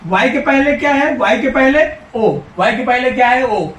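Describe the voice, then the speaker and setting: At normal speed and with a fairly bright tone, a very high-pitched man gives an English grammar lesson in classroom style. He speaks to the children directly, coaxing and encouraging them, and answers the questions he puts to them himself. His distant voice echoes around the room.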